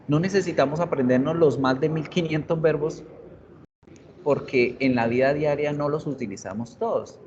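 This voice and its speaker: A man's voice: on the high side, a little mellow. A man teaching an English grammar class online, explaining in Spanish and English, asking students questions and repeating example words. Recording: dull, lo-fi online class audio with faint hiss.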